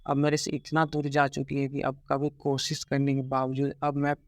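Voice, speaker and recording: A young man talking in a halting, regretful way about his heartbreak in a personal vlog, with many pauses and restarts. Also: mid-range voice, completely flat delivery, dry recording. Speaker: vlogger.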